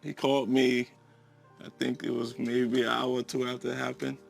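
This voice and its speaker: Interviewee: man, heavily gravelly and flat, hesitant delivery. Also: mid-range voice, moderate pace, soft background music. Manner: hesitant, with 'um' and 'you know'. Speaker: documentary interviewee.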